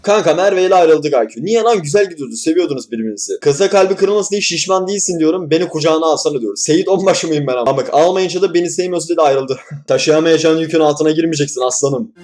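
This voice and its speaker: A man's voice: on the high side, a little mellow. Joking young man reacting to clips. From Turkey. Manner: joking, swears, quick asides. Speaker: reaction video host. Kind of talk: casual reaction commentary.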